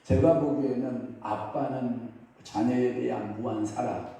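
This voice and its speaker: A middle-aged pastor questions his congregation as he preaches, folksy and quick to joke about his own family. His voice rings through a very reverberant church hall. He sounds a little off the microphone. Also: mid-range voice, gravelly, mellow. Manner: asks the congregation questions and waits for replies; folksy, jokes and acts out family quotes. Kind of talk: Wednesday evening prayer service sermon. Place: church sanctuary. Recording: very echoey hall, mic at a distance.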